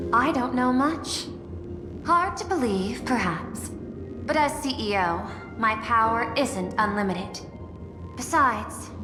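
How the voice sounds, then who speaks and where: A reverberant, calculating AI executive. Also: female voice, on the high side. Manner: formal, composed, precisely articulated, dryly teasing. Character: cool, calculating female-voiced artificial intelligence CEO. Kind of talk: dramatic game voice acting.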